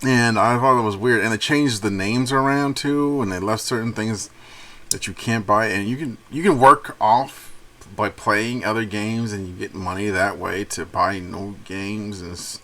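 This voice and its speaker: A man's voice: on the low side, measured pace, bright, forceful tone. A young man hosting a casual gaming news channel, reading parts of an article aloud and rambling between lines with laughs and restarts.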